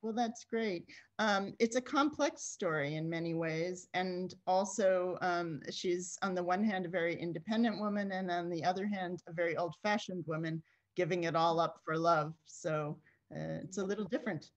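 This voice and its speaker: A woman's voice: on the low side, normal speed, highs cut off. A woman moderating a film festival Q&A, asking questions with frequent ums and friendly prompts.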